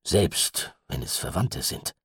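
A man voicing a quiet, suspicious male farm manager who speaks softly in a singing lilt. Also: extremely low pitch, lively intonation, takes it slowly, husky, no echo, studio quality, heavily acted. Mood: distrustful. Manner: soft, lilting singsong delivery.

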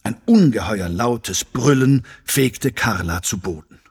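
Slow, lively man reading a children's story. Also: medium pitch, slightly rough.

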